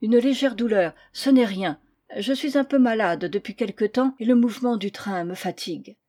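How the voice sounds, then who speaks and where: A woman reading the part of a young woman traveling alone and in pain, speaking in a faltering, pained way with a mellow voice. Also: on the high side, moderate pace, natural voice. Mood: polite, weary.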